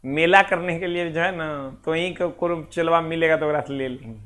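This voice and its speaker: A man teaching an online exam-prep class in a high, bright voice. He talks straight to his students, scolding them one moment and coaxing them the next. He counts numbers out in a sing-song drill. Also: normal speed.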